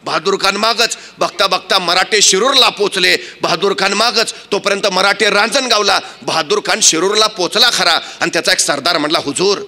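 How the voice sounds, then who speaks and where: A man's voice: high-pitched, moderate pace, few pauses, bright, forceful tone. A man telling history as a dramatic speech, theatrical and acting out battle cries and characters. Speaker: orator and storyteller.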